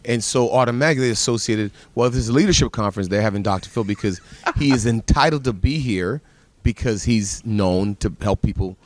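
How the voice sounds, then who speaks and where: A Bahamas-born pastor, appearing as a guest on a TV panel discussion, tells stories earnestly and uses emphatic repetition. His voice is fairly low and his delivery brisk.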